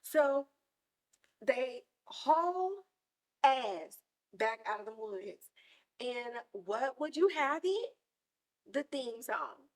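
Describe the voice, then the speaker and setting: Animated woman recapping with acted-out bursts. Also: extremely slow, pauses often. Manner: animated storytelling, acts out characters with big high-pitched bursts. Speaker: podcast host. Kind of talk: casual recap chat.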